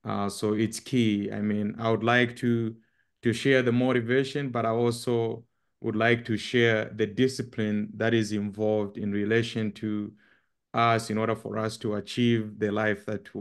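Man from zambia talking on a webinar call, lowish gravelly voice but smooth, lots of ums. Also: little pitch movement, measured pace. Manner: earnest, with frequent ums and repeats. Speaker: guest speaker. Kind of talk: webinar presentation. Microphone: webcam on a video call.

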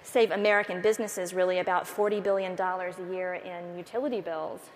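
A woman in her thirties speaks as a government panelist, her lowish voice running fluently with many fillers. A lapel mic picks up the long reverb of a large auditorium and a faint room hum. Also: steady tone, brisk. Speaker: federal official on a panel. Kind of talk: panel discussion.

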